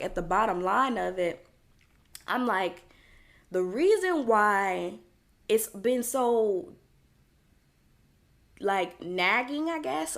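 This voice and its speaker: A woman's voice: on the high side, creaky. Chatty reflective young woman podcaster. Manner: chatty and reflective, many fillers and restarts. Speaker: podcast host. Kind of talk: casual solo podcast monologue.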